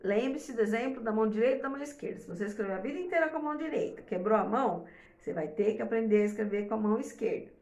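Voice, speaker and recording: Middle-aged mom chatting advice to camera, higher voice, rambly with lots of fillers, roomy echo. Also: female voice, lively intonation, racing, darkish tone. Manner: chatty and rambling, with many fillers and tag questions. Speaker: mother giving parenting advice. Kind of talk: casual advice talk to camera.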